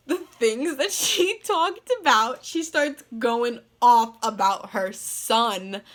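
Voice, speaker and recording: A young woman from the northeastern US rambling through a story in a casual vlog, full of "like" and quick laughs. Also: mid-range voice, fairly bright tone. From northeastern United States. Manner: rambling, lots of "like", laughs mid-sentence. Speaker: vlogger.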